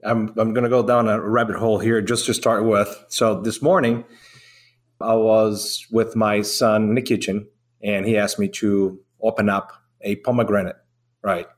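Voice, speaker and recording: A man's voice: fairly low pitch, flat delivery, moderate pace. A man from Brazil, a restaurant co-owner chatting casually as a podcast guest, rambling through stories with restarts.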